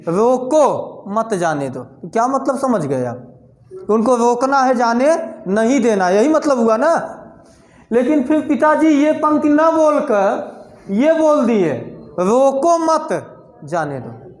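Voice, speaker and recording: Slow, high-voiced teacher in an echoey room. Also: male voice. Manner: slow, repetitive explaining with rhetorical questions to students. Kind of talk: classroom lecture.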